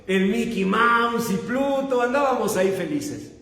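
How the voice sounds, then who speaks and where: A middle-aged man with a Mexican accent, a pastor telling a self-mocking, animated story during a sermon. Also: very high voice, measured pace. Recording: echoey hall with long reverb.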